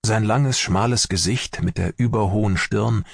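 A man narrating an audiobook in a measured storytelling manner, with a husky voice. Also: lowish voice, dry recording, studio quality.

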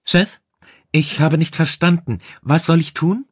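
A man's voice: on the high side, steady tone, unhurried, husky, no room sound, studio quality, voice pushed up. A man voicing an unsure, meticulous male technician on a spaceship, his voice muffled and hesitant.

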